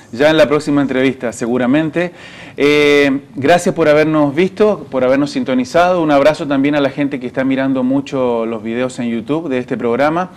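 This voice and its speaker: Chilean man, fifties, TV host, easygoing, soft questions, studio lapel mic. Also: medium pitch. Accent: Chilean Spanish. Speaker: TV interview host. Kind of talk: interview questions and sign-off. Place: dark TV studio set.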